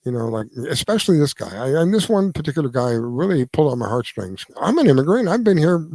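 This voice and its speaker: Man, 70s, radio host, casual opinion talk; earnest, halting restarts, fairly high and animated voice. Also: dry recording. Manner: lively, swings between emphatic and quiet.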